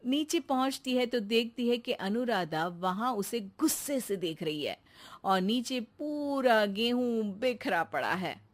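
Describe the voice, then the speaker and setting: A woman telling a cartoon story at an unhurried pace, her pitch moving with lively variation. The narration is scripted and steady, laying out events plainly. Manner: steady, matter-of-fact storytelling.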